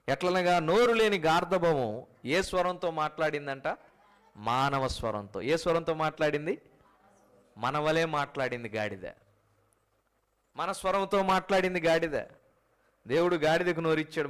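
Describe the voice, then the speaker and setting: A man preaching a sermon, firing rhetorical questions at his congregation and calling out to them directly, swinging from loud high peaks to quiet low endings. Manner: addresses listeners directly as mothers and fathers. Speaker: pastor.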